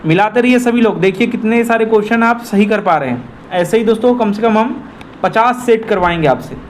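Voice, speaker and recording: Man, high voice, exam tutor talking viewers through a quiz, repeats the key answers, faint hiss behind. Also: fairly quick. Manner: repetitive, addresses viewers as friends. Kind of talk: explanatory quiz walkthrough.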